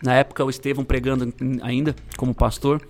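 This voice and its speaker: Fast, gravelly São man. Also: mid-range voice, flat delivery, soft background music. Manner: slangy, emphatic storyteller, bursts of loudness. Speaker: guest sharing conversion testimony. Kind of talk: casual testimony chat.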